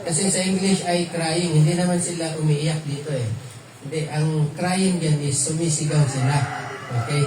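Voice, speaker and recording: A man's voice: a little high, steady tone, normal speed. A man teaching a verse-by-verse Bible study, quizzing his listeners with light laughs and mixing in English phrases. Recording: echoey room, mic far off, noisy.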